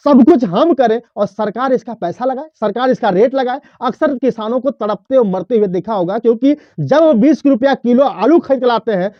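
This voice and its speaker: A man's voice: very high voice, no echo, muffled recording. A man presenting explanatory news commentary, emphatic and rhetorical, addressing listeners directly.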